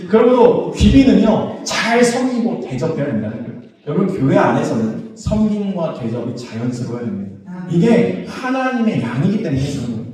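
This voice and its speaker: A man's voice: high voice, sing-song, brisk, few pauses, mellow. A man, a pastor, preaching a sermon and asking his congregation questions, then answering them himself. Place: church sanctuary. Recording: echoey church hall, voice from a distance.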